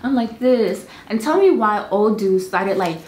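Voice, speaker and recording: A woman's voice: medium pitch, lively intonation, darkish tone. Chatty young woman doing a beauty vlog, kinda roomy echo, faint background hum. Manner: bubbly, chatty, fast asides. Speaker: beauty vlogger. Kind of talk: casual sponsored product talk to camera. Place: home filming studio, indoors. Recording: roomy studio with faint ambience.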